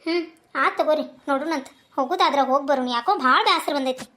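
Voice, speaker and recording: A fast, very high-pitched cartoon mother from the village, nagging and worn down, as a woman puts her on. She speaks with a North Karnataka Kannada accent and quick, clipped scolding. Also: fairly bright tone. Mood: calm. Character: worried village mother, middle-aged, tired and scolding. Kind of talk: cartoon dubbing.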